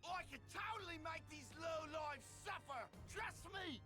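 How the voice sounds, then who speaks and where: A man voicing an eager, excitable, cocky alien henchman in an anime game. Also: very high-pitched, measured pace, soft background music, exaggerated voice.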